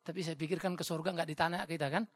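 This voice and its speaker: A male pastor with a Batak accent preaching a sermon in a blunt, joking, animated way. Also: on the high side, racing, slightly rough, no echo. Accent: Batak Indonesian.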